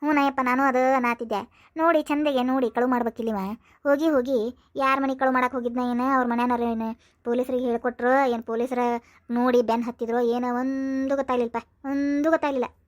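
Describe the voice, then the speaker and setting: Brief: a woman playing a chatty cartoon village mom, proud of her thieving sons, high-pitched. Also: flat delivery, fairly quick, lightly acted. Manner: chatty, rambling, prodding with "aa?". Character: fussy middle-aged mother of thieving sons. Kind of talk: cartoon voice acting.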